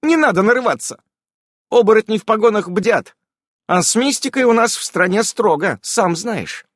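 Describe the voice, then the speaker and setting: A man puts on a sharp-tongued witch woman for an audiobook, pitched well above his own voice and swinging through a lively melody. She speaks in a brisk, emphatic way. The sound is close and dry. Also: no echo. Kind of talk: audiobook character voice.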